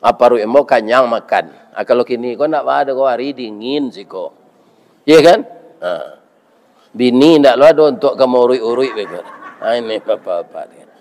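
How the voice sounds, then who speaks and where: A middle-aged man preaching a sermon with a Minangkabau accent, lively and joking, who keeps asking his listeners for agreement. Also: medium pitch, moderate pace.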